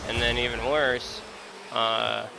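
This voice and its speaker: A man's voice: medium pitch, flat delivery, takes it slowly, creaky, noisy background. A man of twenty-one talking casually and candidly while gaming, hesitant and self-deprecating as he searches for words. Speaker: gaming content creator. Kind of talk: casual, confiding talk over gameplay.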